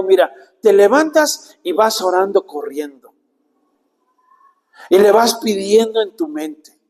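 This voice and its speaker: A man preaching a sermon, earnest and slow, often turning to the listener with direct questions. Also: high voice, darkish tone, big-room sound, poor audio.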